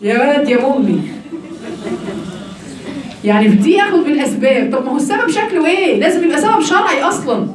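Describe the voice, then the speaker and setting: Egyptian woman teaching a lively religious lesson. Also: sits high, racing, few pauses, roomy sound, recorded from a distance, a crowd in the background. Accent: Egyptian Arabic. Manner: animated, asks questions and answers them herself. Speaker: Quran teacher.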